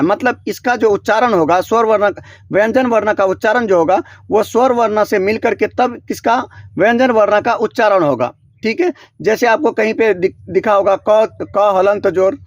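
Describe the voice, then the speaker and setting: A man with a fairly high voice teaches a grammar lesson, posing each question and answering it himself in a steady drill. He often stops to restart or correct a word. The sound is dry and close, with little room echo. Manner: frequent self-corrections and restarts. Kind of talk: classroom-style grammar lesson. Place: small room beside a board.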